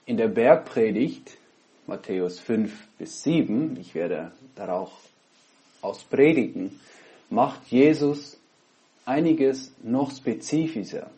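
At home on his laptop headset, a pastor from the Netherlands gives an earnest sermon and prayer online in German colored by a Dutch accent, stopping frequently between phrases. The voice is mid-range, expressive and mellow.

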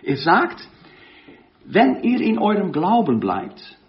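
Guy preaching, lively up and down voice, dull lo-fi sound. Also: high voice. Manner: slow, emphatic, swelling to loud stresses. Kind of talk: sermon. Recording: dull lo-fi recording.

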